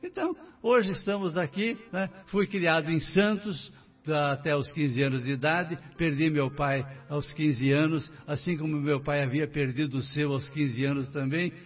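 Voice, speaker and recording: An older Brazilian man tells his life story as a radio guest, turning now and then to speak straight to the listeners. His voice sits a little high for a man and has a husky edge. He sounds set back from the mic, and the radio recording is dull and muffled. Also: moderate pace, recorded from a distance. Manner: warm storytelling, addressing listeners directly. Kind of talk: casual radio interview.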